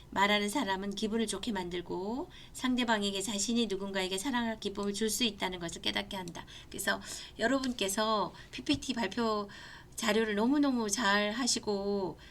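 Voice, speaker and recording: A middle-aged woman from Gangneung, Korea, with a Gangwon accent gives an online college lecture, earnest and conversational, sharing personal stories. Her mid-range voice is fairly bright and moves at normal speed, with slight background noise.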